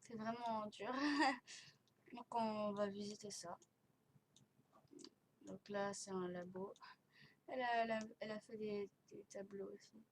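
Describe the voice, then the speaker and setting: A woman's voice: mid-range voice, steady tone, measured pace, pauses often. A woman hosting a casual game tour, hesitant and rambling, speaking with a barely opened mouth and slurred S sounds because of dental elastics. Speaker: host of a gaming video channel. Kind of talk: casual chat commentary touring a game. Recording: noisy home recording with clicking.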